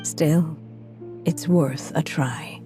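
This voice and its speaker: An actress voices Anya, a frail, aging writer, in a story cutscene for a game, speaking softly and slowly with a breathy edge over soft music. Her older female voice sits low, weak and interrupted by coughing, sounding wistful yet resolved.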